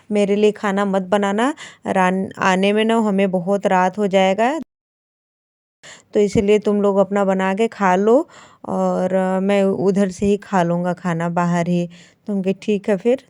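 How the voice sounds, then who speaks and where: Chatty homely woman vlogger, crisp voice. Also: mid-range voice, a little mellow, no room sound. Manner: chatty, homely, talks straight to viewers. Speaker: vlogger, housewife. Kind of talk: casual daily-routine vlog narration.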